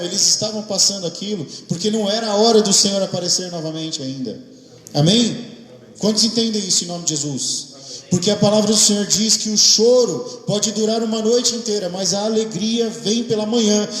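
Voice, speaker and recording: Brazilian male pastor, high voice, lively chatty preaching style, roomy echoing church sound. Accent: Brazilian Portuguese. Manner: casual, animated, often asks the congregation "amém?". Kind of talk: devotional sermon with acted quotes. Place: church hall. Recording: echoey hall with long reverb.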